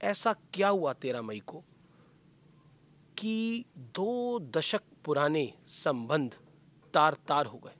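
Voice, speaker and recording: A man hosting a formal studio interview. His voice sits a little high for a man, and he asks pointed questions at a measured pace. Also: sing-song, a bit bright. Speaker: host.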